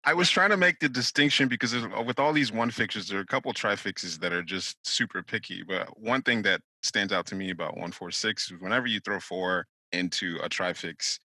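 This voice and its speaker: A man's voice: fairly low pitch, fairly quick, hardly any pauses, sharp tone, no echo, rough recording. A man co-hosting a casual podcast, joking, swearing and laughing often. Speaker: podcast co-host.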